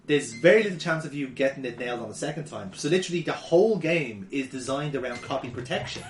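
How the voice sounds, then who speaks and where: A man's voice: medium pitch, animated, fast. A man doing casual, rambling gaming commentary, sweary and laughing often. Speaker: let's play commentator. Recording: echoey room with faint noise.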